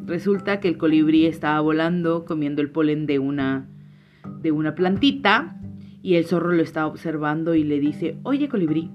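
Woman hosting a podcast, earnest and reflective, lowish voice, bit muffled, soft guitar. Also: moderate pace. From Chiapas, Mexico. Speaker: podcast host. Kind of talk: heartfelt podcast monologue and fable telling. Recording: slightly muffled, faint guitar music.

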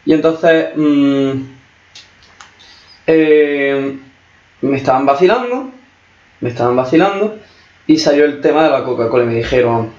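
A man's voice: a little high, unhurried, pauses often. A young man chats casually, loose and jokey, with swearing sprinkled through his talk. His voice sounds dull and lo-fi, in a room that echoes. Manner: relaxed, joking, swears often. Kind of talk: casual chat.

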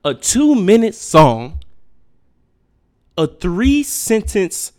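On his own podcast, a man delivers a blunt, profane rant, his slightly higher-than-average male voice swooping from low mutters to sharp high jabs. He speaks in a sing-song way and extremely slowly.

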